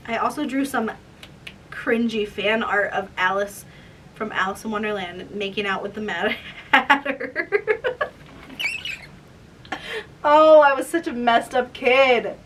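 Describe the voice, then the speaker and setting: A woman's voice: medium pitch, sharp tone. A woman in her twenties chatting casually in a vlog, embarrassed and self-mocking as she reads her old writing aloud. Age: 20s. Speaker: vlogger. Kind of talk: casual vlog chat, reading old diaries. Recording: distant mic with room noise.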